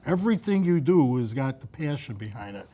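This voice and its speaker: A middle-aged man on a casual studio talk show, his voice mellow and warm in tone. He tells stories emphatically and with plenty of animation. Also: mid-range voice, sing-song, brisk. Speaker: guest.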